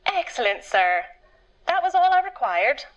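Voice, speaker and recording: An actress playing a cheeky phone clerk who also drives a truck, officious and teasing, in a game. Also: female voice, high-pitched, big pitch swings, a little slow, dull audio.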